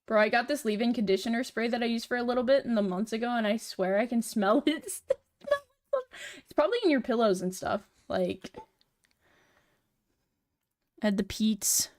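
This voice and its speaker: A young female streamer with a feminine, slightly high voice chats casually while working on a model. She speaks at a normal speed with an expressive tone, rambling chattily and using lots of fillers.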